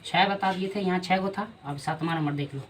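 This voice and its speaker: A man's voice: sits high, brisk, a bit bright, recorded from a distance, slight background noise. A male teacher with a Bihari Hindi accent giving a grammar lesson, often repeating key answers as questions to his students.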